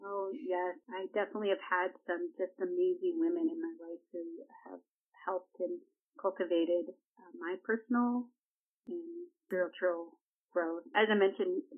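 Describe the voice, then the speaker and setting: A woman's voice: on the low side, little pitch movement, normal speed. Earnest woman on a tinny line. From El Salvador. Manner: earnest, reflective, with frequent fillers. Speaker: healthcare executive director. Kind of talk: conversational interview.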